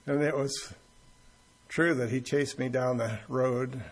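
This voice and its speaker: A man's voice: mid-range voice, fairly even intonation, takes it slowly, slightly rough. A man preaching a teaching sermon in a church, conversational and joking with the congregation as he tells stories. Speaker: pastor. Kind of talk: expository sermon with anecdotes.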